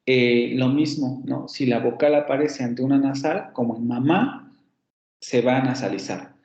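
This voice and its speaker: A man's voice: medium pitch, a little slow, darkish tone, echoey room, muffled recording. A man giving an online phonetics lecture. He explains step by step, repeats example words and corrects himself as he goes. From Mexico. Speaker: university phonetics teacher.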